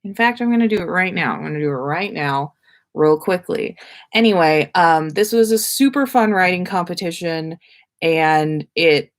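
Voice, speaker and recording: A woman hosts a casual livestream, chatting to her viewers in an effusive, rambling, playfully self-aware way. Her voice is on the low side, and she talks at normal speed.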